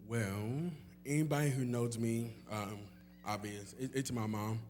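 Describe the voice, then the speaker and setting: A man's voice: medium pitch, unhurried, darkish tone, slight background noise. A young man, a guest singer, answering audience questions in a loose, rambling way with many fillers and laughs, in a church hall. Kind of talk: casual Q&A chat.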